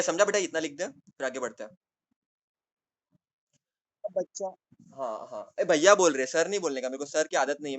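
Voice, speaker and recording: Young male chem tutor, high voice, playful, repeats himself. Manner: playful, repeats key words, jokey asides. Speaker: chemistry tutor. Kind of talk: casual classroom lecture.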